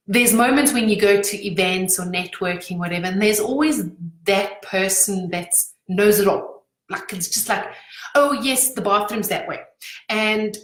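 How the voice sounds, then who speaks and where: A middle-aged woman giving casual advice as a business coach, chatty and acting out quick quoted voices, her voice a little worn. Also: medium pitch, roomy sound, poor audio. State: slightly losing her voice. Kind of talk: casual talking-head advice.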